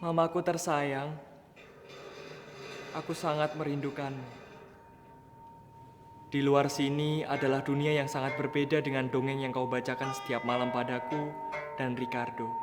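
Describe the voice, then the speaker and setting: A man playing a desperate, mutilated young son begging to be recognised, in a theatrical dramatic reading with drawn-out, pleading delivery. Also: medium pitch, flat delivery, natural voice. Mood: tender longing. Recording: echoey hall reverb, loud music behind.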